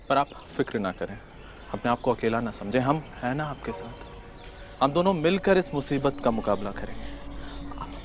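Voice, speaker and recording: An actor playing a young man who calmly reassures the woman he loves in a horror drama. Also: medium pitch, close to an everyday voice. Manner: calm, reassuring.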